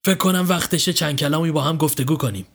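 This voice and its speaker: A man playing a cool, commanding doctor hypnotist. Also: on the high side. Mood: calm, controlled. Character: calm, mysterious middle-aged male doctor hypnotist.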